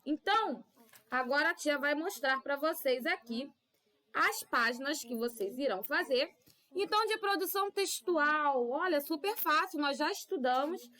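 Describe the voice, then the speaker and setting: A woman with a Brazilian Portuguese accent teaching young children in a recorded class, with drawn-out syllables and constant "tá?" checks. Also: high voice, bright, forceful tone. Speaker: primary school teacher.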